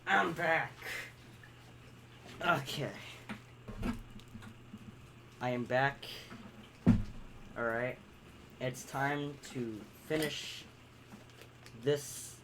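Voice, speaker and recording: A student man reads his homework aloud in a casual vlog, unhurried and halting, joking and correcting himself as he goes. His average-pitched voice sits over a clear hiss of background noise. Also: steady tone. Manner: joking, self-interrupting, stumbles over words. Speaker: student vlogger.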